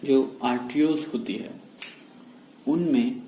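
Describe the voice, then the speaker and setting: A man giving a medical lecture in a mix of Hindi and English. He explains slowly and repeats key terms. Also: medium pitch, dark tone. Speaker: medical teacher. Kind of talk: whiteboard lecture. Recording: echoey room with faint noise.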